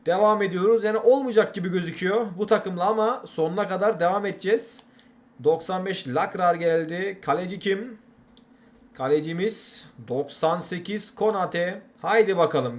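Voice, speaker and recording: A young man hosting a gaming channel, giving chatty, exasperated commentary while playing a football game. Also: sits high. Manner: exasperated, chatty, keeps repeating catchphrases.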